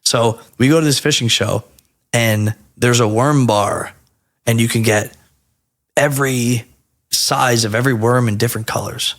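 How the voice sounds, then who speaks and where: This New Jersey man in his thirties, speaking at an unhurried pace in a mid-range voice, is a podcast guest spinning stories. His delivery is relaxed, lively, and full of profanity.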